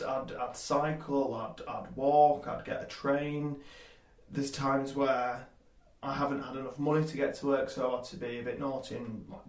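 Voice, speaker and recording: Young Yorkshire man in his twenties, chatty and rambling, mid-pitched, echoey room. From Leeds, England. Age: 20s. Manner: rambling, many fillers and restarts. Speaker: guest, small business owner. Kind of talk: casual interview chat.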